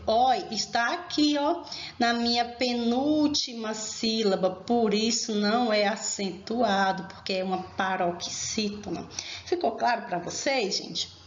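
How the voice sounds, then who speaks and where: A woman teacher giving a recorded grammar lesson, explaining slowly and emphatically and speaking directly to her students. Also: on the high side, a little hiss or hum. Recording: echoey room, dull lo-fi sound.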